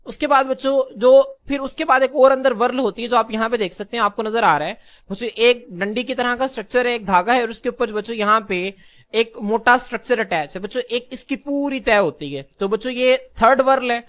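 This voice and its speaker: Speaking at an extremely high pitch with a fairly bright tone, a male teacher lectures a class he calls children. He raises questions only to answer them and repeats key words slowly.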